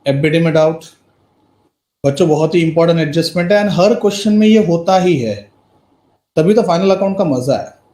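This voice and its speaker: Guy teaching accounts online, high voice, mixes english, echoey. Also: brisk, long pauses, dark tone. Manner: mixes Hindi and English, quizzes students by name. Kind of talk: live online class lecture. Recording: roomy echo.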